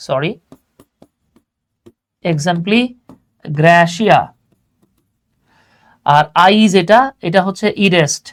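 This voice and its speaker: Speaking in a high voice and a Bangladeshi accent, a man guides students through English exam preparation, going over the material patiently and saying important phrases more than once.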